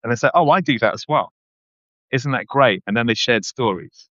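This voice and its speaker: A man, a guest speaking thoughtfully in a casual interview, often pausing and restarting. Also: mid-range voice, animated, bright, forceful tone, no room sound. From London, England. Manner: reflective, hesitant with many restarts and ums. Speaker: guest, running writer. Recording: dull, dry lo-fi audio.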